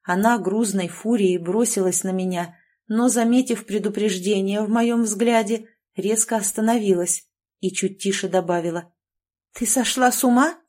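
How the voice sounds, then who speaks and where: A woman reading a first-person novel aloud in a steady, measured narration. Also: medium pitch. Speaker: audiobook narrator.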